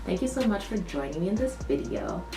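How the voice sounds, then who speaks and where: A young woman chats casually to camera in a low voice. She talks loosely, restarting thoughts and filling gaps with "like" and "um". She sounds a bit distant from the mic in an echoey room, with music playing underneath. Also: very animated, a little fast. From United States. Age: young adult. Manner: chatty, loose, restarts often, fillers like "like" and "um". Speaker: vlogger. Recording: roomy echo, distant mic, background music.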